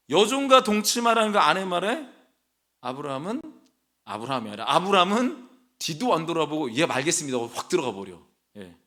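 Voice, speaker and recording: Bright, lively male pastor. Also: fairly high pitch. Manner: conversational, asks the congregation questions; humorous, playful asides. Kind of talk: sermon. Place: church sanctuary.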